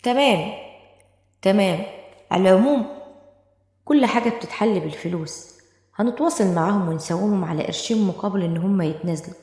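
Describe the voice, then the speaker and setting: A woman's voice: mid-range voice, quick pace, long pauses, a little mellow, lightly acted. A woman voicing a greedy, self-justifying male lawyer in an Egyptian Arabic accent, impatient and defensive, in an echoey room with long reverb. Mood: scheming.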